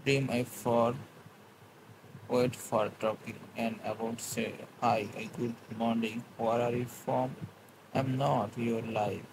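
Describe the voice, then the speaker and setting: A man speaks slowly and at an ordinary pitch, chatting with viewers on a live stream. His English is halting and broken, full of restarts as he answers comments. Clear background noise fills the room around him. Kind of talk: casual live-stream chat.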